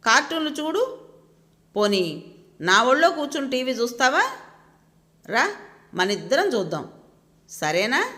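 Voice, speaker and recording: A woman voicing a gentle grandmother who patiently coaxes her small grandson. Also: high-pitched, big pitch swings, a little slow, long pauses, in a large hall, voice pushed up, heavily acted. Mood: coaxing. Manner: coaxing, patient. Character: gentle grandmother, soft and coaxing.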